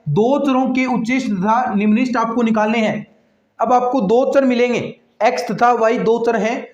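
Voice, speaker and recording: High-voiced maths teacher, echoey. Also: male voice. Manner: repetitive step-by-step explaining, addressing students directly. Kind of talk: online exam-prep lecture. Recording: echoey room, dull lo-fi sound.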